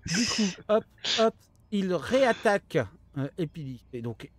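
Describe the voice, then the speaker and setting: A man acting as game master, improvising narration and explaining the action in a halting way. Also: high voice, very animated, a loud crowd.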